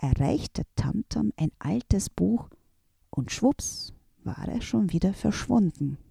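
Woman storyteller, children's storybook, slow, gravelly, dry close sound. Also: medium pitch, animated, dark tone, dry recording.

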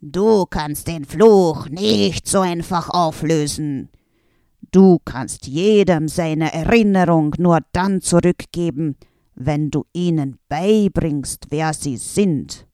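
A woman's voice: low voice, slow, dark tone, dry recording, clean studio sound. A woman voicing an evil male wizard who gloats with menace. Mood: menacing. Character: evil old male wizard, mocking and sinister.

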